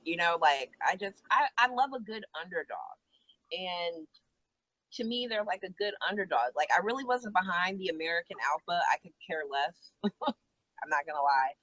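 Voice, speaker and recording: A chatty, animated woman talks wrestling in a relaxed, casual way, laughing easily. The sound is dry and close, with no room around it, but dull and lo-fi. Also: lowish voice, moderate pace, no echo. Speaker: co-host. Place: outdoors out back.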